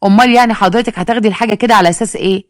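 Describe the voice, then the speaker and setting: A woman's voice: medium pitch, very fast, no echo, clean studio sound, lightly acted. A woman voicing an exasperated young Egyptian pharmacist who answers customers sarcastically. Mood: exasperated, sarcastic.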